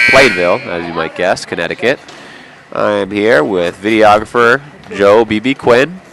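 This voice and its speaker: A play-by-play commentator calls an amateur hockey game in an indoor arena, his voice nasal from a cold and sprinkled with chatty, jokey asides. The pitch is fairly low and the tone fairly bright.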